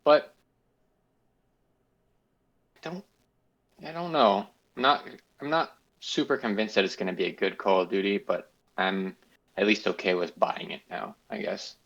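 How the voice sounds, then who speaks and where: A man co-hosting a gaming podcast, talking in a playful, rambling way with lively jumps in pitch. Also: a little slow, pauses often, dull audio. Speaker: podcast co-host. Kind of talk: casual gaming chat.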